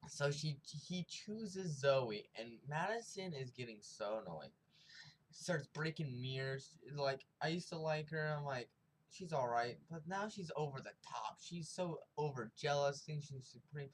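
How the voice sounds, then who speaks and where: A man's voice: medium pitch, expressive, measured pace, low-quality recording. Slangy young man rambling a recap. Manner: rambling, slangy, acts out characters' lines. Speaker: TV episode reviewer. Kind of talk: casual recap and review.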